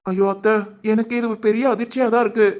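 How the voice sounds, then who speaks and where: A man voicing a flustered young man, raised pitch. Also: little pitch movement, quick pace, a little mellow, lightly acted. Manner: bantering, brushing people off. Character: confused, easygoing young man. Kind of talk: comedy cartoon voice acting.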